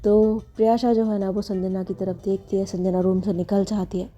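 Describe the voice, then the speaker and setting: A woman narrates a story in a loose, chatty way, full of filler phrases. Her voice is very mellow and dark. The recording is dull and lo-fi with faint music underneath. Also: medium pitch, flat delivery, normal speed.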